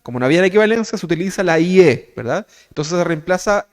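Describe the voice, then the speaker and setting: Chilean pastor teaching a sermon. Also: male voice, high-pitched, animated, quick pace. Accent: Chilean Spanish. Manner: conversational, keeps asking "¿verdad?"; asks the congregation direct questions.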